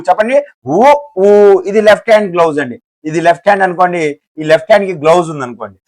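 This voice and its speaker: A man's voice: sits high, expressive, racing, no echo. A man with a Telugu accent teaching a lesson, who repeats each syllable and asks and answers his own questions. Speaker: Hindi teacher. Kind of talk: classroom lesson.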